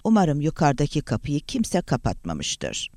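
A man's voice: on the high side, huge pitch swings, measured pace, darkish tone, no echo, studio quality, heavily acted. A man voicing an uneasy, plain-spoken male guard.

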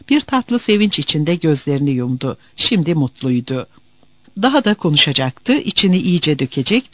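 A man narrating a novel in an expressive storytelling manner. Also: fairly high pitch, dry recording. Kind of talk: audiobook narration.

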